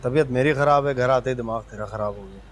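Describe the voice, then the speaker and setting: An actor playing an ailing, irritable husband who scolds gruffly. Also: male voice, medium pitch, fast talker, slight background noise, close to an everyday voice. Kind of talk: TV serial acting. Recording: loud background music score.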